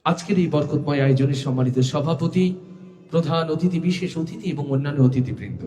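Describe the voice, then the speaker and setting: A man's voice: on the high side, expressive, quick pace, mellow, faint music behind. A man with a Jashore Bengali accent, a gojol singer addressing a live crowd from an open-air stage with fervent call-and-response. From Jashore region, Bangladesh.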